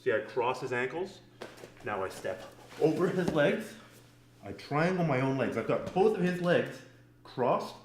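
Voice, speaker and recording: A man with a fairly high, lively voice and a slightly slow pace teaches grappling moves in a casual, joking manner, explaining each step while demonstrating on a partner. It's an instructional demonstration in a training mat room, with a roomy sound and a bit of background noise.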